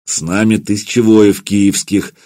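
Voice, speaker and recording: A man's voice: fairly low pitch, fairly even intonation, measured pace, natural voice. A man doing a cold, stern old voivode. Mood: measured. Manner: cold, clipped, quietly menacing. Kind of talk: audiobook character voice.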